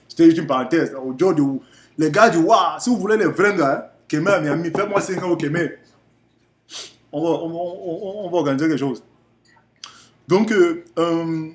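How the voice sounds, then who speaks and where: A young man from Cameroon with a Cameroonian French accent, telling a rambling, animated story to camera in a casual vlog. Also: on the high side, a little hiss or hum. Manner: rambling, animated, repeats himself often. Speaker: vlogger.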